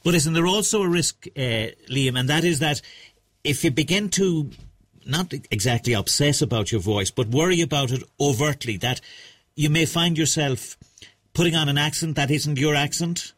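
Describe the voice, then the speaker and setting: A man presenting a radio programme, putting formal, measured questions to a guest. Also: a little high, fairly bright tone, no room sound.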